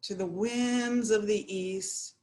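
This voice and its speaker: A woman guiding a yoga nidra meditation, speaking in a slow, soothing, prayerful way. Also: medium pitch, steady tone, dark tone. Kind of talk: guided meditation.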